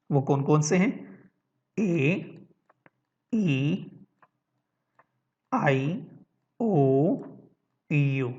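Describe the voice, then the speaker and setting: A man's voice: fairly high pitch, darkish tone. A man teaching an online lesson on reading, explaining step by step, checking in with his listeners and mixing English words into his talk.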